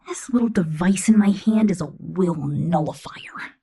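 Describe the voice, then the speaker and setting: Heavily acted, this ASMR roleplay has a woman voicing a female killer robot in a husky, breathy half-whisper with swooping intonation. Her mid-range voice has a dark tone, and the character is possessive, megalomaniac, and seductively menacing.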